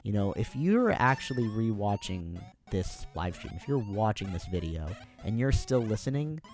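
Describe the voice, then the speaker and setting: A man's voice: fairly low pitch, big pitch swings, moderate pace, a little mellow, soft background music. An American man chatting on his own during a livestream, rambling and self-deprecating with plenty of fillers. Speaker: streamer.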